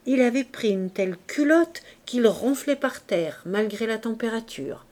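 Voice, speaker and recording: A woman narrating a classic novel as an audiobook reader, in a measured storytelling manner. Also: on the high side, lively intonation, a little mellow.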